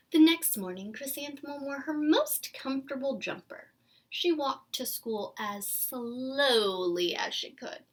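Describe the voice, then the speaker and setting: A woman teacher reading a storybook aloud to young children, expressive and deliberate, often breathy and near a whisper. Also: a little high. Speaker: kindergarten teacher.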